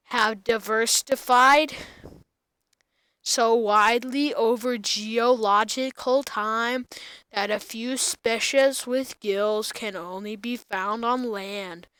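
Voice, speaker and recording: A child host reads an article aloud at a slow pace, in a flat monotone. The voice is clean and smooth, with a dry, close sound free of room echo. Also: medium pitch. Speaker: host of a snail facts show. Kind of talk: reading an encyclopedia article aloud to viewers.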